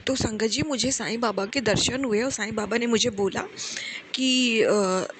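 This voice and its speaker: A young woman tells a personal testimony to a congregation from home, speaking softly and pleading, with frequent direct address to her listeners. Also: on the high side, unhurried, slight background noise. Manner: speaks softly and hushed on purpose. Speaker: devotee sharing testimony.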